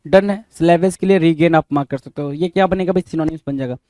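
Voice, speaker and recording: Indian male tutor, high voice, dry close mic, quizzing students on word meanings. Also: quick pace, dark tone, dry recording. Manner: keeps asking the class questions, Hindi-English mix. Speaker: English vocabulary teacher. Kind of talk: exam-prep vocabulary lesson.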